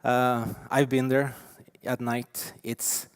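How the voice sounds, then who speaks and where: A man in his forties from Norway with a Norwegian accent, giving a lively, emphatic conference keynote with frequent fillers. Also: mid-range voice, takes it slowly, smooth, no room sound, studio quality. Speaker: keynote speaker. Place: conference stage.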